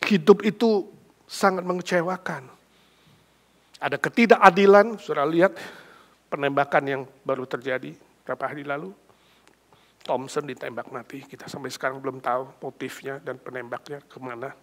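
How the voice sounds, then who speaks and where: A middle-aged male pastor preaching a sermon with emphatic, lively storytelling that builds to loud peaks. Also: fairly high pitch, normal speed, pauses often.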